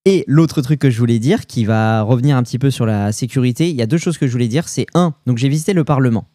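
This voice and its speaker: A man's voice: medium pitch, quick pace, no echo, studio quality. A young French man with a French accent, co-hosting a podcast and telling travel stories in casual chat, full of slang and fillers. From France. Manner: animated storytelling with slang and fillers. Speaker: podcast co-host.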